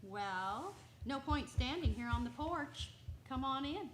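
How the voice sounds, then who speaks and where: High, bright, pointed young woman. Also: lively intonation, slow pace, reverberant, a little hiss or hum, full character voice. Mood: probing. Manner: direct, prodding. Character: poised, pointed young woman pursuing a hesitant suitor. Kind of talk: radio play acting.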